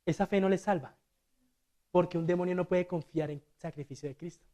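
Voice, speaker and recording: A man preaching a sermon as a deacon in a church. He swings between loud and hushed delivery and acts out the quotes. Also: high voice, fairly even intonation, brisk.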